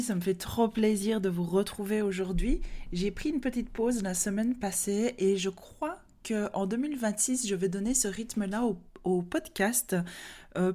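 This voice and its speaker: A woman with a Belgian French accent, talking as a podcast host in a gentle, chatty way with many fillers. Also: medium pitch. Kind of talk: casual solo podcast talk.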